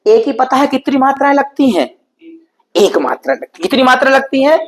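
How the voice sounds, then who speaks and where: A man's voice: very high-pitched, big pitch swings, rough recording. Patient man teaching at a board. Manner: patient, repetitive explaining with frequent "है ना?" check-ins; stretches out and sounds out example words slowly. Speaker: Sanskrit teacher. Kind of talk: exam-prep lesson explaining grammar at a board.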